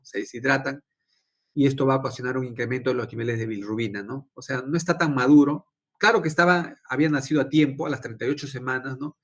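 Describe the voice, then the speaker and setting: A young adult man lectures a physiology class in an easygoing, conversational way. He keeps quizzing his students and tags many phrases with a questioning "¿no?". His voice sits at an ordinary, middle pitch for a man. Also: fairly bright tone. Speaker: physiology lecturer and intensive care doctor. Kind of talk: informal lecture with personal anecdote.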